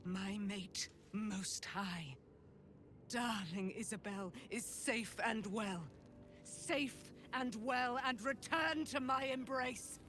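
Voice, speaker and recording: A woman's voice: a little high, slow, fairly bright tone. A woman playing an exalted, devout and vengeful warrior in a video game, declaiming grandly in archaic phrasing. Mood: exultant, proclaiming. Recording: music behind the voice.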